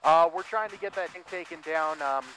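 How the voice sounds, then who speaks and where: A man with a slightly high voice directs a platoon in a military game. He uses radio procedure and gives orders matter-of-factly, sounding casual between calls. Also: a little fast, fairly bright tone, slight background noise, low-quality recording. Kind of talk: military radio chatter in gameplay.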